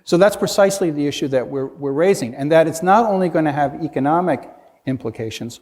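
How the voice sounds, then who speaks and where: A man on a conference panel earnestly builds his argument with rhetorical questions, often restarting his sentences. His voice is a little high with a darkish tone and a quick pace, and the conference hall recording is reverberant.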